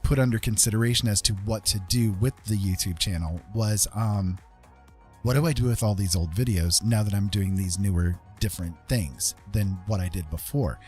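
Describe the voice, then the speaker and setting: Speaking in a lowish, darkish voice, this middle-aged man hosts an art tutorial livestream, rambling conversationally and poking fun at himself as he chats with his live audience.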